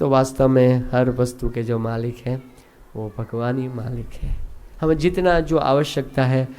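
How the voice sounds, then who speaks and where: A male preacher giving a sermon that he livens with story-telling and voiced characters. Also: mid-range voice. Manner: animated, acts out characters. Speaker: ISKCON preacher.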